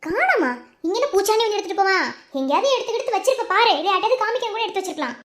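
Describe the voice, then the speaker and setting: A woman's voice: animated, racing, a bit bright, reverberant. A woman voicing a curious younger girl in a cartoon, speaking with a Madurai Tamil accent. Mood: teasing. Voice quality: high cartoon voice. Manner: chatty, questioning.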